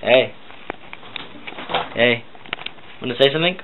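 A man's voice: medium pitch, slow. Sick man with a muffled voice, tinny. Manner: hesitant, many ums and uhs. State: ill, muffled voice. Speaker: channel host. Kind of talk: casual vlog chat. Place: at home. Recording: tinny lo-fi phone-like recording with faint hiss.

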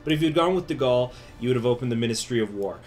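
A man's voice: medium pitch, animated, very fast, darkish tone. A man speaking through a face mask, giving a chatty, informal strategy game tutorial as the host. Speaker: gaming video host. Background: music.

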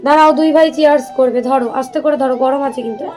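A woman's voice: high-pitched, fast, darkish tone. A young woman, a mother, vlogging at home: she talks viewers through her cooking step by step and coaxes her small children in a sing-song voice. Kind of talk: casual home vlog narration. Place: home kitchen. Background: background music.

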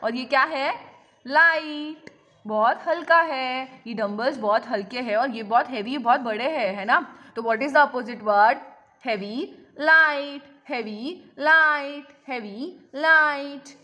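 A high, bright-voiced woman leads a kindergarten lesson, drawing out each word slowly. She asks the children questions and repeats each word pair in a sing-song way. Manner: slow, drawn-out sing-song repetition for small children. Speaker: kindergarten teacher.

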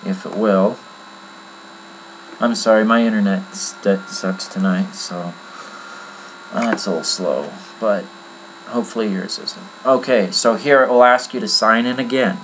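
A man giving a casual, rambling screen-recorded software tutorial from his computer at home, with many fillers. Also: lowish voice, measured pace, long pauses, slight background noise, rough recording. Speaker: tutorial maker.

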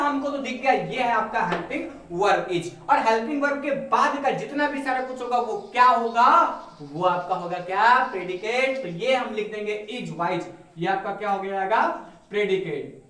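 Recorded off-mic by a far-off camera in an echoey room, this young man's very high voice comes through bright at a normal speed, with slight background noise. He's explaining English grammar at a whiteboard. He asks himself rhetorical questions and then answers them.

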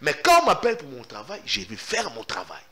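Animated Congolese man defending himself. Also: on the high side, a little fast, crowd noise. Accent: Congolese French. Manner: emphatic and insistent, repeats himself. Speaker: journalist, interviewee. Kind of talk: animated interview answers, mixing in Lingala.

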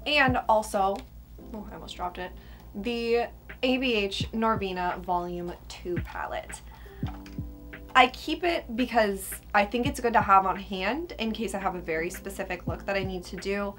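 Her voice medium-pitched and fairly bright, a young adult beauty vlogger ranks products at a moderate pace to camera in a small furnished room. She's emphatic and swears casually, her s whistles, and faint music sits behind her.

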